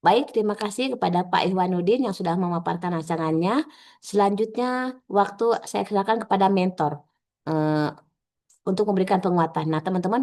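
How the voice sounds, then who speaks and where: A woman's voice: mid-range voice, a little mellow. A woman coaching civil service trainees on a video call, giving step-by-step tips and acting out short sample exchanges. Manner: instructive, acts out quick sample dialogues with filler "eh". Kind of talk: online coaching session.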